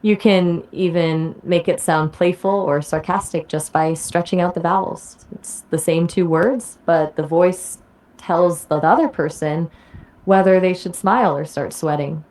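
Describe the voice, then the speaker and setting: A woman's voice: lowish voice, measured pace, darkish tone. A woman's AI assistant voice giving polished conversational explanations, ending each answer with a question back.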